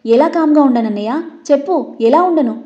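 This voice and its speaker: A woman's voice: a little high, normal speed, lightly acted. A woman voicing a furious hot-headed young man. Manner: shouting, louder than narration. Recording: dull lo-fi recording.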